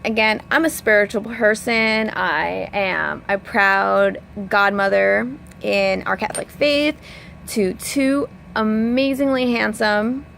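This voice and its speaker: A woman coach with a medium-pitched, slightly bright voice and vocal fry speaks over a bit of background noise. In a casual, heartfelt vlog, she wanders from point to point, leaning on "like" and "you know" while being candid about her emotions.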